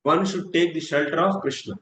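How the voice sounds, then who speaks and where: A man's voice: fairly high pitch, fairly bright tone. A man giving a scripture class, speaking in an earnest, repetitive way. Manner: earnest, repetitive, swings between slow and fast. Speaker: spiritual teacher. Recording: echoey room with faint noise.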